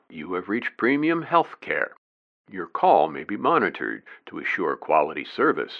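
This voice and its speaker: A man's voice: fairly low pitch, dull audio. A man reading polished, courteous scripted phone-system greetings and menu prompts. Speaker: voice-over announcer.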